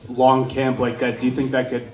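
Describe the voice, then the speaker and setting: A man's voice: medium pitch, monotone, moderate pace, darkish tone. Distant, echoey male reporter. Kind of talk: press interview questioning. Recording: roomy echo, distant from mic.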